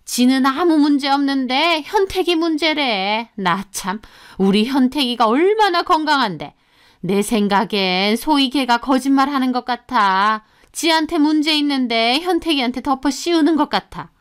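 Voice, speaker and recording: A woman voicing a bossy, harsh middle-aged mother-in-law in a radio drama, talking in a sharp, scornful way. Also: high voice, moderate pace, lightly acted. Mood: gossiping. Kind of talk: Korean story radio drama.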